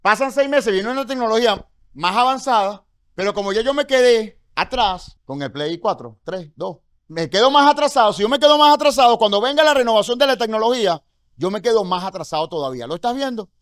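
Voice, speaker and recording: A man's voice: high-pitched, expressive, fairly quick, fairly bright tone, no echo, clean studio sound. A Venezuelan man teaching a Bible study sermon, speaking conversationally and encouraging his listeners with many rhetorical questions. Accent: Venezuelan Spanish. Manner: exhorting, encouraging. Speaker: congregation teacher.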